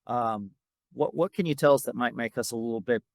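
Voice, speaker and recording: A man's voice: mid-range voice, brisk, gravelly, no echo. A man hosting a podcast, putting thoughtful, searching questions to his guest, close to the mic. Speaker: podcast host. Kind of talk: conversational podcast interview.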